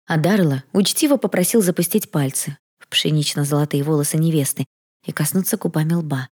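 A woman narrating a novel as an audiobook in an even storytelling manner. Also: low voice, fairly quick, breathy edge. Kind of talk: scripted narration.

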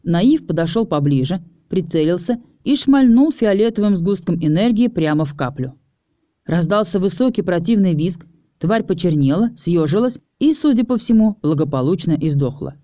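A man's voice: sits high, lively intonation, normal speed, warm tone, no echo. Man, audiobook narrator, wry storytelling, dry close sound. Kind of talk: first-person fantasy narration.

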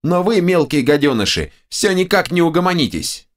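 A man's voice: very animated, normal speed. A man voicing the foul-mouthed, screechy right head of a male ogre in an audiobook, snarling and cursing. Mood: angry. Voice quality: shrill, creaky.

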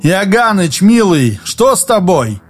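A man's voice: high-pitched, very animated, slow pace, breathy edge, faint music behind, pitched above the performer's own voice, exaggerated voice. A man voicing an exhausted, drowsy male explorer who speaks sluggishly. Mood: alarmed. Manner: sluggish, weary.

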